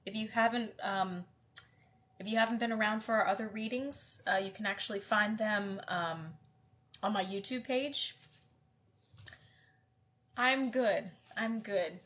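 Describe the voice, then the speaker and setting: A woman from the US West Coast hosts a live book reading, greeting viewers and chatting casually. Her mid-range voice is fairly bright but slightly nasal and congested, a little slow, with frequent pauses, many fillers and restarts.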